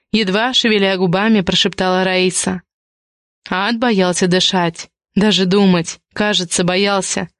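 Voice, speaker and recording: A woman reading a romance novel aloud as an audiobook narrator, in calm, even storytelling. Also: mid-range voice, no room sound, clean studio sound.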